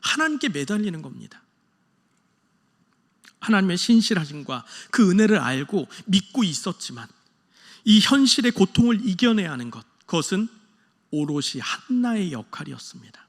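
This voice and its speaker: A man, a pastor, preaching an early-morning prayer sermon earnestly, moving between loud emphasis and soft hushed lines. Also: high voice, big pitch swings, normal speed, big-room sound.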